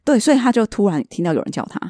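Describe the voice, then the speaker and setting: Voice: mid-range voice, big pitch swings, very fast, dark tone, no room sound, studio quality. A podcast co-host telling a story in casual chat and acting out the quoted dialogue.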